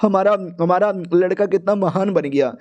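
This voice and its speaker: A man's voice: high voice, moderate pace, darkish tone, muffled recording, natural voice. A man voicing a young woman, the hero's worried sister, who talks in an anxious, pleading way. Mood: emotional.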